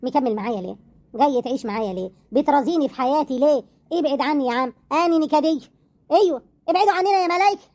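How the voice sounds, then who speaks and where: A woman with an Egyptian accent playing a bitter, sharp-tongued wife in an audio drama, scornful and mocking. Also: high-pitched, lively intonation. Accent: Egyptian Arabic. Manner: scornful, mocking, quick retorts.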